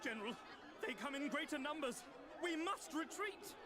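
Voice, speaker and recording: Very high-pitched, blustering officer. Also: male voice, expressive, normal speed, background noise. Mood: alarmed. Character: blustering, high-strung military officer barking at his troops. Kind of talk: video game cutscene acting.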